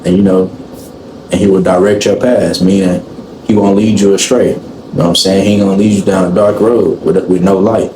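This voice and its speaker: A man in his twenties hosting a casual podcast chat, explaining things slowly and often asking "you know what I'm saying". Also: deep voice, steady tone, mellow. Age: 20s. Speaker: podcast host. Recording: echoey room, faint room noise.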